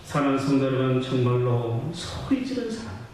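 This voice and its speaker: A male pastor preaching a sermon with impassioned fervor, his voice swelling into near-chanted shouts. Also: medium pitch, sing-song, fairly quick, slight background noise. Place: church sanctuary. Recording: very echoey church hall, mic far off.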